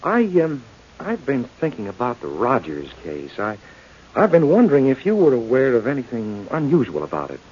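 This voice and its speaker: An actor playing a coolly polite, menacing doctor who is a murderer, in old-time radio crime drama style, probing with insinuating hesitations. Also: male voice, mid-range voice, huge pitch swings, normal speed, a little mellow, slight background noise. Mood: smooth, guarded. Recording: dull, lo-fi old radio recording.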